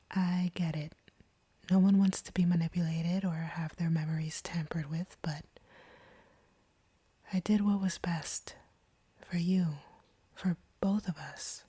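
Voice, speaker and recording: In an intimate audio roleplay, a woman voices a female vampire who has feelings for the hunter confronting her. She whispers deliberately and earnestly in an extremely breathy, hushed, slightly low voice, sounding defensive and earnest, with conflict hidden beneath her composure.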